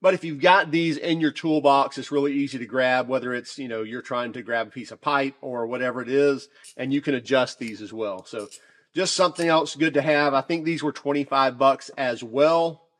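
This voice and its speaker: A man casually reviewing shop tools off camera, talking in a chatty, relaxed way with many fillers and restarts. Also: medium pitch, moderate pace. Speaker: tool reviewer.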